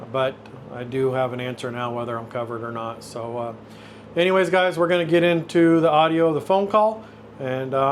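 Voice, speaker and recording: Slight background noise sits under this mid-range male voice. He's a YouTube host in his fifties, hesitant and self-deprecating, talking off the cuff through an intro and a phone interview.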